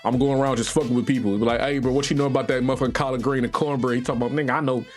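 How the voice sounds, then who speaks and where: A man's voice: mid-range voice, fairly even intonation, racing, faint music behind. A young man from Virginia with a Southern accent, telling a profane, slangy story on a live stream and acting out what other people said. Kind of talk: casual storytelling.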